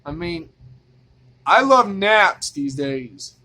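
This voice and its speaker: A man's voice: high voice, very animated, drawn-out words, pushed and bright. A man from Indiana ranting in a vlog monologue, exasperated and profane, repeating himself as he goes. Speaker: vlogger.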